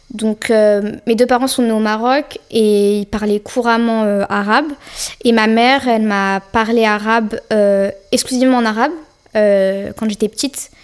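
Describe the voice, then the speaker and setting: A young woman from France appears as a podcast guest, her voice fairly high and clean in tone. She chats easily and casually in an interview setting, using lots of fillers and slang.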